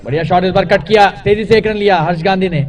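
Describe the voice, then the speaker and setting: A man's voice: high voice, fast talker, far from the mic. A man giving live cricket match commentary, describing the play in short phrases.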